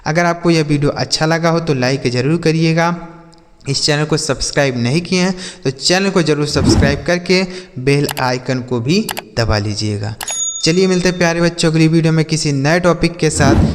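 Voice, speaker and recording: A man teaching English vocabulary from Hindi, spelling each word letter by letter and slowly repeating every example sentence. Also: on the high side, long reverb tail, a little hiss or hum. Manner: asks the listener questions and answers them himself. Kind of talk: slow, drilled vocabulary lesson.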